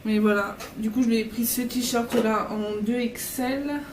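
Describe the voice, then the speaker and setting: In a noisy, roomy, distant recording, a twenty-something woman vlogs casually from a hotel room about her travels. She rambles, fills gaps and keeps restarting to fix herself, speaking a little slowly in a fairly high, steady voice.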